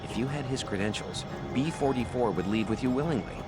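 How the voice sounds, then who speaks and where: An actor playing a gruff male informant in a video game, giving a matter-of-fact briefing. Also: medium pitch, fairly quick, close to an everyday voice. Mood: informative. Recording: game audio under loud music.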